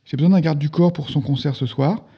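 A brisk, insistent male boss, as a reader acts him out, with a husky, gravelly voice over a dull lo-fi recording. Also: a little high, pitched above the performer's own voice. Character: gruff, pressed male boss on the phone.

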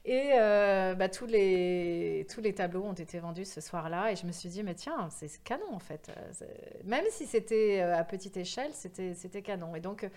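A woman's voice: mid-range voice, normal speed, few pauses, a little mellow. A woman in her fifties telling her career story in a casual interview, chatty and full of hesitations. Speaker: guest, event agency founder.

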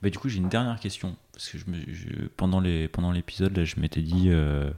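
A man hosting a podcast interview, asking questions in a relaxed, hesitant way. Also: deep voice, a little fast, vocal fry. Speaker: podcast host.

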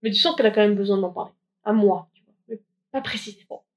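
A woman's voice: medium pitch, quick pace. A woman telling her own story in the first person, frank and slangy, acting out the dialogue she remembers.

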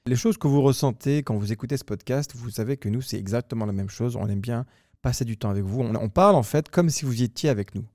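A man co-hosting a podcast, talking in a playful, teasing and animated way. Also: mid-range voice, fast talker, no room sound, studio quality. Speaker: podcast co-host. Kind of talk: casual podcast chat.

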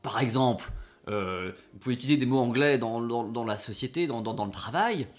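Animated and fairly quick, this mid-range male voice belongs to a co-host trading comedic radio banter, rambling along and stumbling through stammered repetitions.

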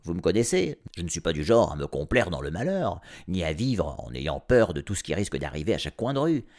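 A man reading an audiobook aloud, narrating as a grumpy cat in a sardonic, animated first-person voice. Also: sits low, a little fast. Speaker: storyteller.

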